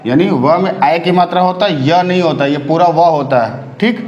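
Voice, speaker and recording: A man's voice: on the high side, normal speed, darkish tone, roomy sound, dull audio. A man teaching an exam-prep spelling lesson, drilling the correct form of each word by repeating it and checking in with his students again and again. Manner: drills correct forms, repeating words with frequent check-ins.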